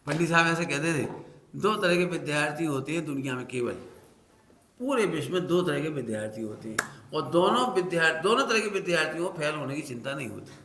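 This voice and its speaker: Lively preacher man in an echoey hall. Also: fairly high pitch, fast talker, slight background noise. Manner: playful teacher, acts out examples, sings short lines. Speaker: Jain preacher. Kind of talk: teaching discourse to a congregation.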